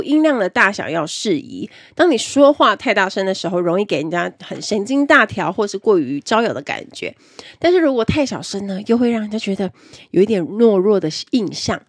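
In clean studio audio with no room sound, a woman whose voice is husky and fairly low delivers an instructional talk about speaking skills. As a self-improvement presenter, she moves step by step, putting emphasis on key words in her lists.

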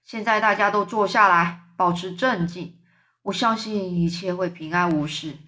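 A woman voicing a kindly, wise old male grasshopper in a storybook reading, speaking calmly and soothingly. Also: medium pitch, normal speed, natural voice. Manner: calm, soothing, fatherly.

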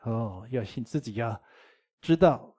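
Husky, dark-voiced male Buddhist teacher. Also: mid-range voice, lively intonation, unhurried. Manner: conversational, with chuckles and rhetorical questions. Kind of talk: dharma lecture.

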